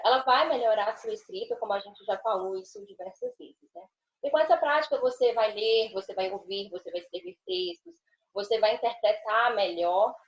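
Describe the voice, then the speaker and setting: High-voiced woman presenting over dull roomy audio. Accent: Brazilian Portuguese. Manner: explanatory, reading quotes then paraphrasing. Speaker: student presenter. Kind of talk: online seminar presentation.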